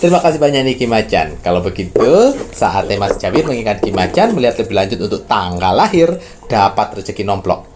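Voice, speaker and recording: A man's voice: on the low side, sing-song, fairly quick, noisy background. A male host, chatty and affirming, prompting the guest and addressing viewers. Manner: affirming, chatty, East Javanese slang "Rek". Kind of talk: talk show hosting.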